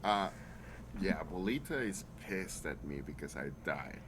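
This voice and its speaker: Deep-voiced, slow-talking man playing tabletop. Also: expressive, noisy background. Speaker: tabletop game player. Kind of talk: improvised narration of his character's actions.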